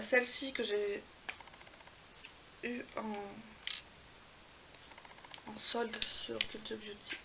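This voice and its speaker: A woman's voice: a little high, background noise. A woman showing her makeup palettes to the camera in a casual video, chatty and full of hesitations. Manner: chatty, many hesitations and fillers. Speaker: beauty vlogger.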